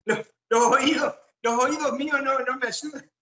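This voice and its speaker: A man's voice: very high voice, steady tone, normal speed, sharp tone. A man from Argentina, a guitar student on a video call, answering his teacher in short, hesitant replies. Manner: brief agreeing replies, hesitant. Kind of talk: online music lesson.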